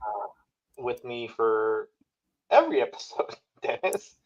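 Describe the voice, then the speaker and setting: A man's voice: medium pitch, very animated, takes it slowly. A man co-hosting a podcast, opening the show with his audio sounding echoey, as if from a big hall. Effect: echoey, hall-like audio from a misrouted mic system. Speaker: podcast co-host. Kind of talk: casual podcast intro. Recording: dull, echoey remote audio.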